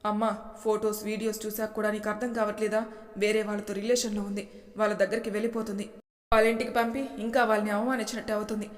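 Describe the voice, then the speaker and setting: A man's voice: high voice, flat delivery, quick pace, long reverb tail, close to an everyday voice. A woman reading as a stern reproachful brother. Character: stern grieving young brother, cold to his sister.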